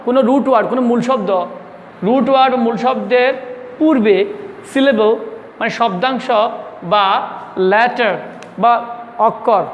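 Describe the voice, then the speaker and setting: High-voiced male teacher in an echoing classroom. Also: a little hiss or hum. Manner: repeats terms slowly, quizzes the class, mixes English in. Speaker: school English teacher. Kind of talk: classroom grammar lesson.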